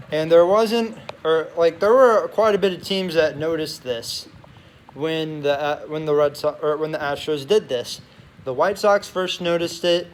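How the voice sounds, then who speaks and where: A young man chatting casually as a sports vlogger in a locker room, rambling and often correcting himself. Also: a little high. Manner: halting, rambling, self-correcting. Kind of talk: casual chat to camera. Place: locker room beside a noisy gym. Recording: noisy locker room ambience.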